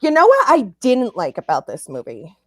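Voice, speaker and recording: A woman's voice: a little high, wildly swooping pitch, normal speed, crowd noise. A middle-aged woman on a casual podcast panel, laughing easily and complaining playfully.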